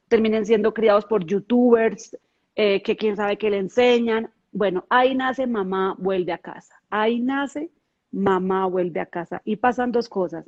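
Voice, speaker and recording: A woman's voice: medium pitch, darkish tone, no room sound, lo-fi sound. A middle-aged woman, a guest, telling her own life story with emotion and lots of repetition. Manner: emotional, earnest, with many repeated words. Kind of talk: personal testimony in a podcast conversation.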